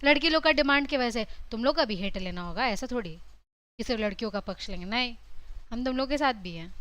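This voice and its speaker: Bright-voiced, lively Indian woman teacher. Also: fairly high pitch, quick pace, dry recording. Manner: lively, chatty, mixing Hindi and English. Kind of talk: classroom lecture. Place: classroom.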